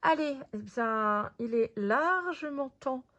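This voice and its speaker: A woman chatting casually while showing her craft project, thinking aloud with lots of fillers and pauses, sometimes dropping to a soft whisper. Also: high voice, animated, muffled recording. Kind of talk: casual craft video commentary.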